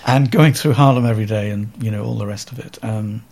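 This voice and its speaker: With a fairly low, gravelly and somewhat dark voice, a man from Wales around seventy years old recounts stories as a photographer guest in an interview. His Welsh accent is clear, and he speaks haltingly and thoughtfully, full of fillers and pauses.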